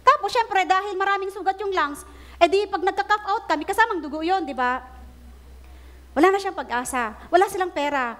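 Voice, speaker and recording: A woman preacher, telling a story in her sermon with animated delivery and English phrases mixed in. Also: extremely high pitch, a little fast. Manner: animated storytelling, acting out quoted prayers; mixes Tagalog with English phrases.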